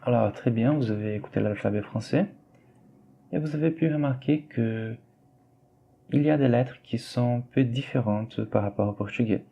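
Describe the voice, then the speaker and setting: A man teaching a French lesson, slowly and patiently repeating words for his students. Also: mid-range voice, vocal fry, dull audio, a little hiss or hum. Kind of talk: classroom explanation while writing on screen.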